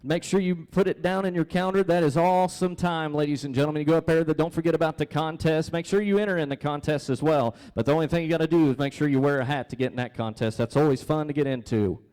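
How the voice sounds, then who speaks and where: A man's voice: a little high, fairly even intonation, fast, hardly any pauses, darkish tone, poor audio. An American man making announcements as the master of ceremonies at a live event.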